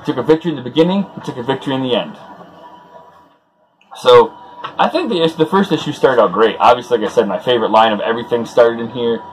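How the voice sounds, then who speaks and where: On a rough recording, a medium-pitched male voice hosts a comic read-along, retelling the story off the cuff. He chuckles with informal fan enthusiasm and loosely acts out the dialogue in his own voice.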